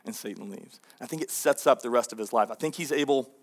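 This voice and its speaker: A man preaching a sermon in a relaxed, conversational way, with fillers and restarts, and rising pitch when he acts out voices. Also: fast talker. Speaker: pastor.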